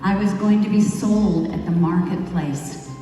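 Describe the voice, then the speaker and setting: A woman performing a first-person monologue as a wayward young biblical wife who has become remorseful, telling her story slowly and reflectively with dramatic pauses. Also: mid-range voice, steady tone, warm tone, lightly acted. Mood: regretful. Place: large hall at a retreat. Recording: echoey hall from far off, faint music.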